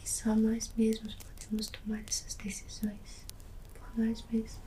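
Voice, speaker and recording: Brazilian woman, soft breathy whispered role-play as a soothing massage therapist, very flat intonation, unhurried. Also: on the high side, rough recording. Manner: slow, soothing, gently guiding. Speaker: ASMR performer playing a massage therapist.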